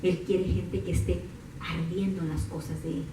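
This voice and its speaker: A woman preaching a sermon, moving from calm teaching to high, impassioned crying out. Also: moderate pace, background noise. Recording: echoey room from far off.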